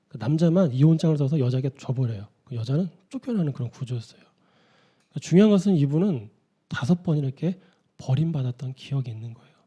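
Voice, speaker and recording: A man's voice: a little high, warm tone, slightly rough, highs cut off. A man preaching an early-morning sermon in a conversational way, often putting rhetorical questions to his listeners. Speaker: pastor.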